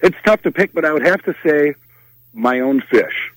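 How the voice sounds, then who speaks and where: A man's voice: on the high side, expressive, moderate pace, a bit bright, no echo, poor audio. A man with a Minnesota accent, chatting casually on the radio from a fishing trip, easygoing and full of fillers. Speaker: radio host on remote from ice fishing trip. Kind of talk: casual radio phone-in chat.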